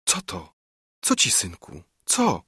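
A man's voice: medium pitch, huge pitch swings, takes it slowly, breathy edge, no room sound, studio quality, voice pushed up, exaggerated voice. A man voicing a pious old widowed mother who soothes her son with folk sayings, in an audiobook reading. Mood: anxious. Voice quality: warm, soothing folk speech.

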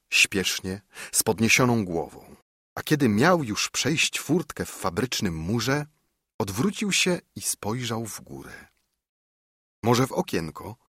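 A man narrating a literary story in a measured, expressive way. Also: on the low side, husky, no echo, clean studio sound.

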